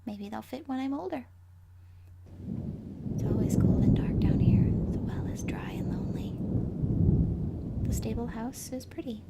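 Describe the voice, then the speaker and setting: A woman voicing the gleefully vengeful ghost of a five-year-old girl in a horror story, hushed and haunting, breathy, often slipping into a whisper. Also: medium pitch, noisy background, close to an everyday voice. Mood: eerie, hushed. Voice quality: breathy, husky. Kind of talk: first-person horror story narration.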